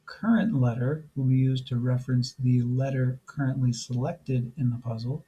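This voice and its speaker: A man walks through a coding tutorial in a mellow, dark voice that is wearing thin, as if he is losing it. He explains step by step, casually, with lots of "uh"s. A faint hum sits under the recording. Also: mid-range voice, moderate pace, highs cut off. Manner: relaxed, explains step by step with frequent fillers. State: losing his voice. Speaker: programming instructor.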